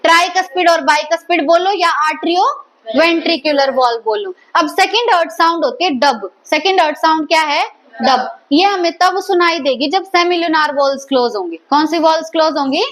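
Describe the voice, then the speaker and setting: High-voiced woman quizzing a class. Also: moderate pace, a bit bright, poor audio. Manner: quizzes students with repeated questions. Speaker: biology teacher. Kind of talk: classroom lecture.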